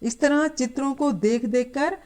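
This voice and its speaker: A woman teaching a lesson to schoolchildren, explaining slowly and patiently. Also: high voice, a little mellow. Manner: slow, patient, addressing children. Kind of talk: scripted lesson.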